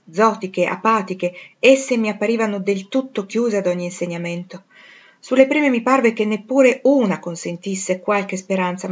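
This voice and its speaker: A woman narrating a classic novel in a measured, expressive reading, on a dull lo-fi recording. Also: medium pitch. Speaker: audiobook reader. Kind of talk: literary audiobook narration.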